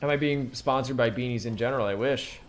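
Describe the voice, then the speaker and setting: A man's voice: mid-range voice, fast talker, faint music behind. A man teaching drawing on a live stream, thinking aloud in a rambling, casual way with many fillers.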